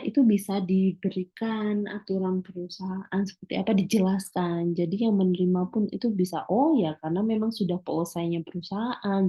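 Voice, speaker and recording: A woman teacher's mid-range, gravelly voice comes through a muffled recording of her lecture. She explains slowly, using lots of filler sounds, and reads English phrases aloud before translating them.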